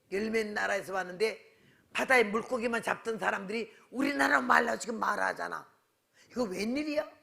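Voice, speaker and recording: A woman's voice: fairly low pitch, creaky, a bit bright. An older woman preaching at a revival meeting, a blunt, scolding storyteller who acts out both sides of her conversations. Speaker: guest revival preacher, missionary. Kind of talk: revival sermon with anecdotes. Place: church sanctuary.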